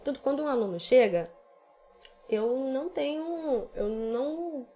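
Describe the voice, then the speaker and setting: A woman's voice: high voice, lively intonation, unhurried, dark tone. A woman singing teacher with a Brazilian accent, patiently explaining vocal technique in a casual podcast chat. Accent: Brazilian Portuguese.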